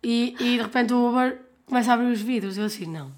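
A young woman with a European Portuguese accent, co-hosting a podcast, telling lively stories in casual chat while sick with a cold. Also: on the high side, quick pace. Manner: animated storyteller. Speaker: podcast co-host.

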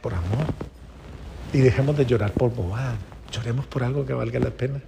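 Male priest giving a homily in church, goes loud then real soft, bit of background hiss. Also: brisk, creaky. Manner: storytelling, swings from loud emphatic peaks to soft low phrases. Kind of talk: homily at mass.

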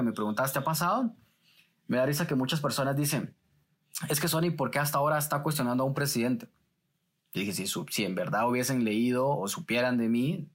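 Man, lively storytelling. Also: medium pitch. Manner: lively retelling that acts out quoted exchanges. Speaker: journalist. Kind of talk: telling stories in a casual interview.

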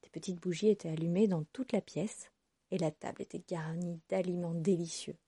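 A woman reading a fairy tale aloud as the storyteller, with expressive storybook narration. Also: fairly low pitch, moderate pace, slightly rough, no echo.

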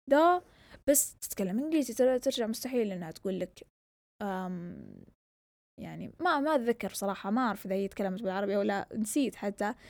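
Young woman ranting fast, mixes in english, kinda high voice, dry close sound. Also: dry recording. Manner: switches between Arabic and English mid-sentence; animated, rhetorical questions. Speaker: vlogger. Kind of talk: casual monologue.

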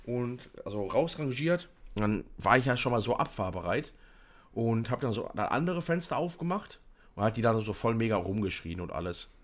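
Young man, casual chat, animated storyteller with a mid-pitched, very lively voice. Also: normal speed. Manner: animated storytelling with many fillers.

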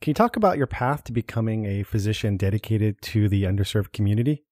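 A man's voice: on the low side, animated, quick pace, darkish tone, dry recording, studio quality. A man moderating a panel, asking formal questions in a composed way.

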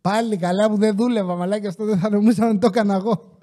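A man hosting a podcast, telling comic stories in a casual, animated way, acting out what customers said and swearing freely. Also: sits high. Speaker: podcast host.

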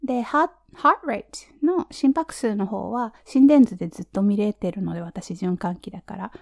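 A young woman nurse in her twenties giving a casual vocabulary lesson, chatty and relaxed, repeating terms slowly and letting phrase ends trail off softly. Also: medium pitch, vocal fry. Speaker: nurse teaching medical English.

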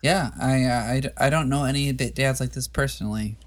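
A man's voice: mid-range voice, brisk. A man hosting a podcast in casual chat, hesitant and often restarting his sentences. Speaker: podcast host.

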